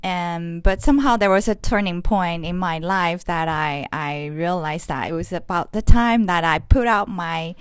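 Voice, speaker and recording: A middle-aged woman from Los Angeles answers interview questions in a soft, lowish voice. She pauses often and hesitates as she finds her words. The sound is dry and close to the mic. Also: clear, resonant tone, no echo. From Los Angeles, USA. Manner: hesitant, many ums, soft-spoken. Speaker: guest artist. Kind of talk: casual interview.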